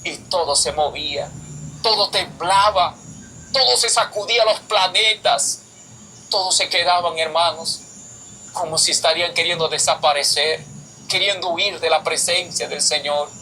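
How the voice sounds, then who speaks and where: A man's voice: fairly high pitch, normal speed, pushed and bright. A man preaching an impassioned testimony of a vision, often calling out to his listeners as brothers and quoting the Lord's words. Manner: fervent, repeatedly addresses listeners as brothers, quotes the Lord's words. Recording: distant mic with faint background noise.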